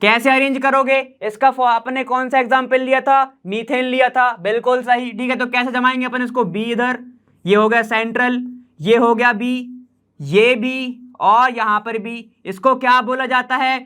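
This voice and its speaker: A man teaching a chemistry class in an online lecture, casual and chatty as he explains while drawing on a board, often checking whether students follow and slowly repeating key terms. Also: very high-pitched, steady tone, pushed and bright, smooth.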